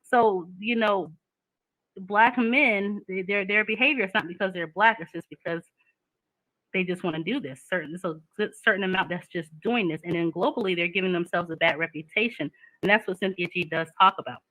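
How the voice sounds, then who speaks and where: A woman's voice: medium pitch, brisk, bright, forceful tone, dry recording, rough recording. A woman, talking candidly in a casual chat and laughing often.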